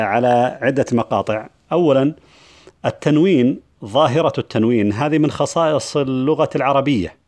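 A male lecturer giving a measured religious lesson, pausing often with hesitations and slowing down to quote examples. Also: mid-range voice, darkish tone. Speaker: lecturer on Quran reflection.

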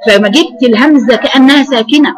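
An Egyptian-accented woman leads a recitation class in a high voice. She repeats each sound to show it and corrects her students directly. Her teaching is firm and hands-on. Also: fast talker, rough recording. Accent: Egyptian Arabic. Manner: demonstrates sounds by repeating them, corrects firmly.

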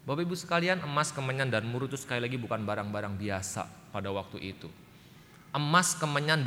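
A man's voice: mid-range voice, sharp tone. A male pastor preaching a sermon in a church, emphatic, often turning directly to the congregation. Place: church sanctuary. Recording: church recording with long reverb.

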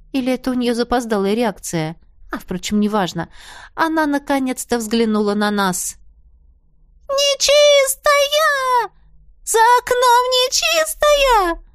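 A woman narrating a first-person fairy tale audiobook in a lively, expressive way. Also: a little high, smooth, no room sound, studio quality.

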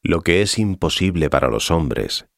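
A man voicing Jesus as a calm, solemn teacher, measured in delivery, in an audiobook reading. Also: low voice, no room sound, studio quality.

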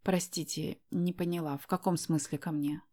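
A woman's voice: on the low side, steady tone, moderate pace, mellow, lightly acted. A woman voicing a shy, conscientious young female student in an audiobook, polite and hesitant. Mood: flustered.

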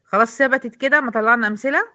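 A woman's voice: fairly high pitch, very fast, pushed and bright, lo-fi sound. A woman with an Egyptian accent teaching a recitation lesson, patiently quizzing her female students step by step. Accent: Egyptian Arabic.

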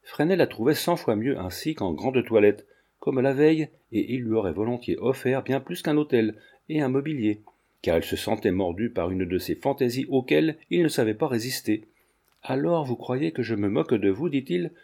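Mellow-voiced male audiobook narrator. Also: mid-range voice, expressive, moderate pace. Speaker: audiobook reader. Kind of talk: scripted narration of a classic novel.

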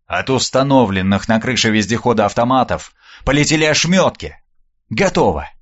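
A man narrating an action audiobook in the first person, reading in an animated, expressive way, on a dull, slightly muffled recording. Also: mid-range voice, brisk.

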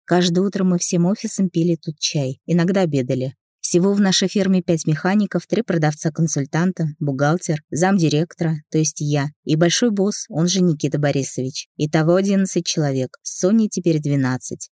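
A woman's voice: on the low side, fairly quick, few pauses, warm tone, no echo, studio quality. A woman reading a first-person audiobook, telling a man's story and lightly voicing its characters. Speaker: audiobook narrator.

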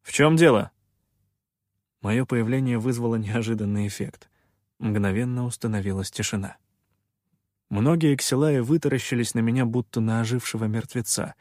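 A man narrating a first-person fantasy audiobook in a measured, expressive storytelling voice. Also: mid-range voice, no room sound, clean studio sound.

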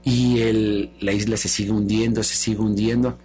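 A man hosting a radio show, telling a fable in a lively, playful way. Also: fairly low pitch, moderate pace, soft background music. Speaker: radio host.

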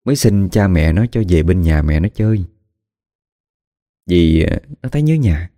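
A man tells a ghost story in a casual, colloquial way. His voice is very low and mellow, and he breaks into dramatic exclamations as he speaks. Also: lively intonation, moderate pace. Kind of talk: spoken ghost story narration.

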